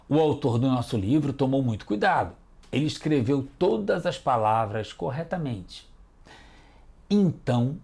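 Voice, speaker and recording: A man's voice: medium pitch, a little mellow. A man hosting a children's educational TV lesson, patiently encouraging the kids as detectives. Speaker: teacher and host.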